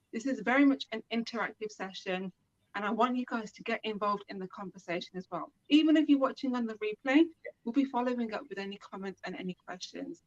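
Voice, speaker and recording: A woman's voice: a little high, muffled recording. A woman from the UK hosting a live web show over a video call, enthusiastic and talking straight to the viewers. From United Kingdom. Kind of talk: upbeat show introduction and interviewing.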